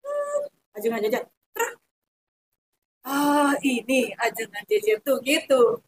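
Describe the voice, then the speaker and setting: A middle-aged woman with a Sundanese accent recounts her story in a high, lively voice. Her pitch leaps around as she acts out the people she quotes. Faint room ambience sits behind her. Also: takes it slowly, a little hiss or hum. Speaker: interview guest telling her story. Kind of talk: emotional personal testimony.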